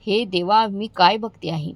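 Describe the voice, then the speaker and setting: A woman voicing an angry young daughter-in-law who shouts accusations, in a dry, close recording. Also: mid-range voice, animated, moderate pace, no echo, lightly acted. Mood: furious scorn.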